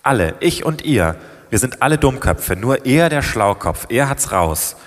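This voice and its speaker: A proud court lady scolding and sneering at her brother, as a male reader puts her on. The voice lifts a little higher and louder, with a long hall reverb behind it. She lectures with open contempt. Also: sing-song, unhurried. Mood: scornful. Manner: scornful, lecturing. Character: haughty noble young lady at court, scornful.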